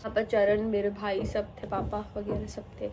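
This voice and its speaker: A woman's voice: mid-range voice, monotone, normal speed, noisy background. A young woman, a new mother, talking candidly and emotionally to camera in a casual vlog. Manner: emotional, candid, mixes English into her talk.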